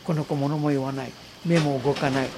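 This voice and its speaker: An elderly woman, earnestly telling her memories as a survivor in an interview, vivid and animated as she brings the story to life. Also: sits low, a little fast, background noise. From Okinawa, Japan. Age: 80s. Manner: vivid, earnest, re-enacts voices and calls. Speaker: war survivor giving testimony.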